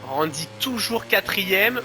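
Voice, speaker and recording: A man's voice: sits high, expressive, slow, sharp tone, faint music behind. A man giving live play-by-play as a motorsport commentator on a motorcycle racing game.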